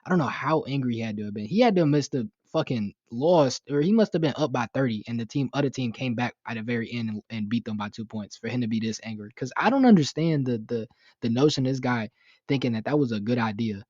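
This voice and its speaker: A man's voice: medium pitch, lively intonation, fast talker, darkish tone, dry recording. Young guy ranting over a story, lots of "you know what i'm saying", swears a bunch, dry lo-fi mic. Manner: rambling, filler-heavy, profane and indignant. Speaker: YouTube commentator. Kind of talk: casual commentary on a news story.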